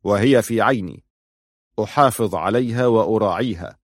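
A man voicing a commanding male army chief, declaiming forcefully in an audiobook reading. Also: lowish voice, normal speed, no echo, studio quality. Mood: assertive.

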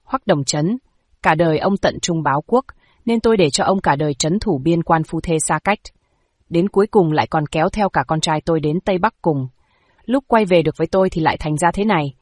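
A tearful old noblewoman in a storybook drama, wailing and scolding in a shrill, rising voice, as a woman reads her part. The voice sits low overall and is recorded close and dry, with no room around it. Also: brisk, a little mellow, dry recording. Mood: wailing reproach. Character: grieving old noblewoman, wailing and doting mother.

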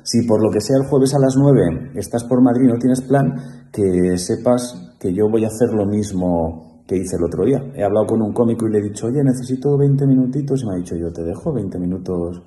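Dark-voiced man in a roomy space. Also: fairly low pitch, a little fast. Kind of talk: casual chat. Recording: roomy echo.

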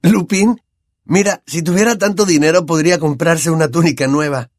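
A man's voice: fairly high pitch, moderate pace, no echo, studio quality, voice pushed up, close to an everyday voice. A man doing a puzzled teenage boy. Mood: doubtful. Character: thoughtful, surprised teenage boy.

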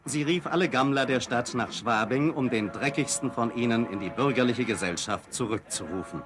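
A man narrating an old 1960s newsreel in a brisk, declamatory announcer style. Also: medium pitch. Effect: old newsreel soundtrack. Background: music.

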